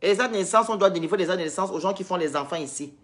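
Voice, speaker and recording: A woman's voice: lowish voice, racing. A woman from Gabon, scolding and lecturing her viewers in a heated, repetitive live-stream rant.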